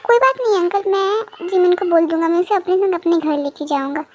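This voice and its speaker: A woman's voice: extremely high pitch, brisk, highs cut off. A woman voicing a cocky young man who mocks a girl in a fan story. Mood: reassuring. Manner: teasing, mocking.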